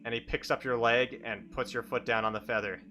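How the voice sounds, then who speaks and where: Guy game master improvising a scene, bright voice, really animated pitch, music behind. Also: a little fast. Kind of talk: improvised tabletop game narration.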